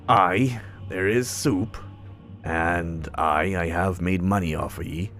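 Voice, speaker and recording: A man's voice: low voice, slow, fairly bright tone, soft background music. A man voicing a blunt male blacksmith who talks in an old-fashioned way, saying aye and ye. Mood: gruff.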